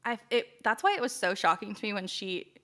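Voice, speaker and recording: Chatty bright-voiced young woman. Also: mid-range voice, big pitch swings, a little fast. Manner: chatty, lots of "like" and "um" fillers, acts out quotes. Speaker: podcast co-host. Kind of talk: casual chat recap.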